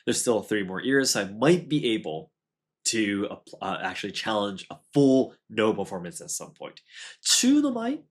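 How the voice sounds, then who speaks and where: Husky low-voiced man in his thirties. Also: sing-song, normal speed. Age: 30s. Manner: rambling, many fillers and tag questions. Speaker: podcast host and dojo head. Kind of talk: casual conversational chat.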